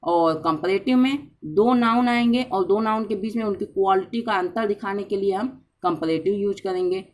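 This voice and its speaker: Female teacher, mid-pitched, patient explanatory delivery with frequent check-ins. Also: normal speed, hardly any pauses, darkish tone. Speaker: grammar teacher. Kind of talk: explanatory lesson.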